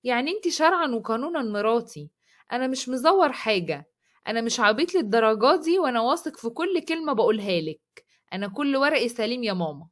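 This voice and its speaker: Storybook role: a woman voicing an arrogant domineering man, Egyptian Arabic, scornful commands delivered quickly. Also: a little high, expressive, natural voice. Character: arrogant cruel young man, domineering husband.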